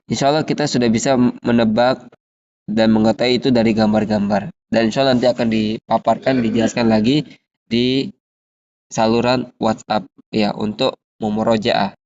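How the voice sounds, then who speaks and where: A man leads an Arabic lesson at an average pitch. He reads the drill phrases slowly and explains them steadily. The recording sounds dull and lo-fi. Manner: slow, drawn-out drill reading of example phrases, then steady explaining. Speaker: Arabic teacher.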